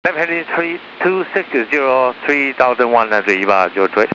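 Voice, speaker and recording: A man's voice: medium pitch, animated, fairly quick, pushed and bright. A man speaking as an airline pilot, giving clipped readbacks over an aircraft radio. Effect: aircraft radio transmission. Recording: muffled radio with clear cockpit noise.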